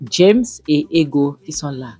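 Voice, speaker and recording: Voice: medium pitch, expressive, measured pace, mellow, slightly rough, soft background music. A reviewer retelling a film episode casually and with animation, acting out the characters' lines and scolding them.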